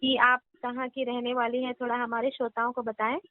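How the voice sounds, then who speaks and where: A woman's voice: on the high side, completely flat delivery, brisk, no echo. A woman co-hosting an interview, polite and formal, adding her own similar story. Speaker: co-host interviewer. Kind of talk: radio interview. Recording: tinny phone line, dry.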